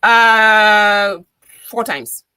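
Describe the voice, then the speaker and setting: Speaking very slowly, this middle-aged Cameroonian-accented woman has a medium-pitched voice, fairly even intonation and a sharp yet clean tone, with no room sound. She's a radio DJ guesting on a podcast for a casual interview conversation, talking earnestly and repeating phrases to stress them.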